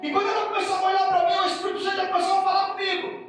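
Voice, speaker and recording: Man preaching, very high voice, heavy church echo with music under it. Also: flat delivery, very fast, distant mic. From Brazil. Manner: emotional storytelling, bursts into shouting. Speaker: pastor. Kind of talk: sermon.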